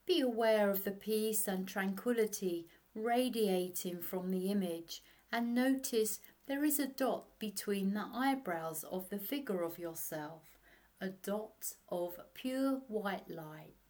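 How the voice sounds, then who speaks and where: In a mid-range voice, a woman leads a guided meditation as a soothing sleep story, speaking hushed and unhurried with long pauses.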